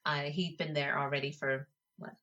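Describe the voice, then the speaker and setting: Lower-voiced American woman, slightly muffled. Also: level tone, normal speed, bright, forceful tone. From Colorado, United States. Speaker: interview guest, travel and food blogger. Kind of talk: casual conversational storytelling. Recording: slightly dull internet call audio.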